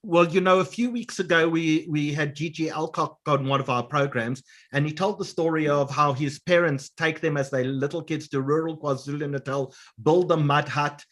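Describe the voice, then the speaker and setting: A man hosts a relaxed panel discussion, his voice sitting a little high. He is jovial and teasing, drifting into colourful anecdotes between questions. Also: moderate pace, few pauses. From South Africa. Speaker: host. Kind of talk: casual panel chat.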